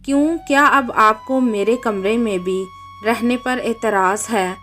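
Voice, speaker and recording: A woman's voice: a little high, measured pace, a bit bright. A woman reading as a rude young bride. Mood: snappish. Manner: curt and mocking. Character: rude, sharp-tongued young wife.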